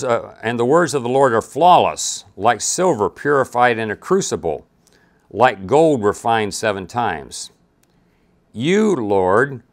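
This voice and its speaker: A man leading a Bible study, reading passages aloud and breaking off to explain them. His pitch sits in an ordinary middle range. He talks casually, with restarts and quick asides between verses. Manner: conversational, reads scripture aloud with frequent restarts and asides. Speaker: Bible teacher.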